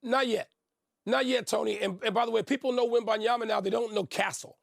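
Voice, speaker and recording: A man's voice: extremely high pitch, steady tone, fairly quick, creaky, dry recording, clean studio sound. An older man co-hosting a sports debate show, emphatic and opinionated as he argues his picks. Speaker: sports talk show co-host.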